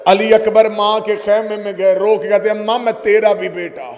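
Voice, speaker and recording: High, gravelly male mourning preacher. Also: level tone, normal speed, a little mellow. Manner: lamenting, half-sung wailing delivery. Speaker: religious orator. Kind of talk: mourning sermon recitation. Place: mourning gathering hall. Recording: long hall reverb.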